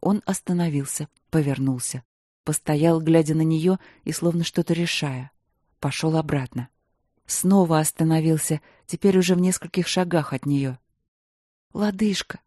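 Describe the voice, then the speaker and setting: An audiobook narrator reading a romance fantasy in an even, measured storytelling manner. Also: medium pitch, dry recording, studio quality.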